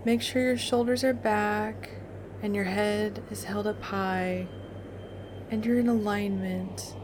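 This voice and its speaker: A woman narrating a guided meditation in a calm, soothing, deliberate way with long pauses. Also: medium pitch, noisy background. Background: music.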